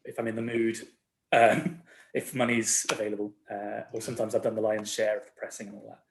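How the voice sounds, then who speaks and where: A man's voice: lowish voice, flat delivery, brisk, vocal fry, slight background noise. Laid-back rambling man in a roomy echo. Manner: laid-back, rambling, self-deprecating, chuckles often. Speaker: record label owner, guest. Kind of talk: casual chat.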